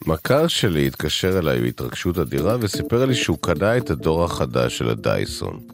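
Deep-voiced male comic host. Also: big pitch swings, creaky, over music. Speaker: radio host. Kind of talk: comic monologue.

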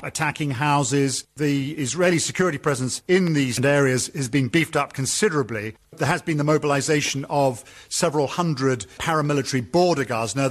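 A man giving an explanatory news report as a foreign correspondent. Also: mid-range voice.

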